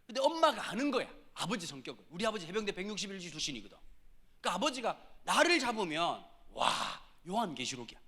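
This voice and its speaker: Lively middle-aged male pastor, bright high voice, jokey storyteller who suddenly shouts. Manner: animated, humorous storytelling with shouted impressions. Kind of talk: sermon.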